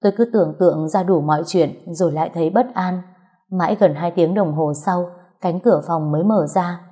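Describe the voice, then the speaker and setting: A woman reads a first-person story aloud in a soft, steady voice. Her voice sits low with a warm, mellow tone. It is scripted storytelling narration. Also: brisk, slightly rough.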